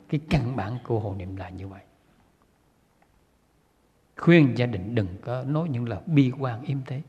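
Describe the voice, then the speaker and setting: A man's voice: medium pitch, slightly rough. A man giving an earnest Buddhist sermon, repeating himself and putting questions to his listeners. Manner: earnest, repetitive, rhetorical questions to audience. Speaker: Buddhist lay teacher. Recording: dull lo-fi recording with long hall reverb.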